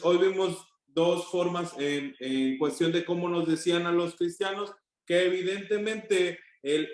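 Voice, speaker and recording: A man teaching an online class, telling stories and checking in with the students. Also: sits high. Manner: conversational, checks in with frequent "ok?". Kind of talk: online class lecture with anecdotes. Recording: very echoey room on an online call.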